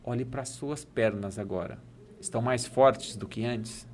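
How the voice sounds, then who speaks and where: A fatherly, solemn God speaks slowly and gently in a Brazilian Portuguese accent, handing out a mission in a told parable, put on by a man in his own voice. There is faint noise behind him. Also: medium pitch, natural voice. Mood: gentle. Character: God, a calm fatherly male voice from above.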